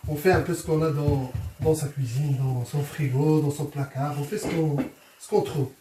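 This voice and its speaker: Moroccan accent guy doing a casual cooking vlog, high voice, chatty n jokey, echoey room. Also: fairly even intonation, normal speed, dark tone. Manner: chatty, jokey, addresses viewers as friends. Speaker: host, home cook presenting a recipe. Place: indoors in a home kitchen. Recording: roomy, distant mic, faint noise.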